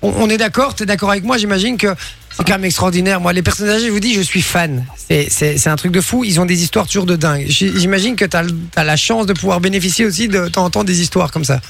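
A man's voice: high-pitched, quick pace, creaky, fairly bright tone, a little hiss or hum. A man hosting a casual radio chat in an informal, effusive way. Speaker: radio host.

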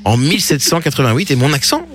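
A man's voice: fairly high pitch, sing-song, fast, fairly bright tone. A man presenting a quiz on a radio show, in playful banter with co-hosts.

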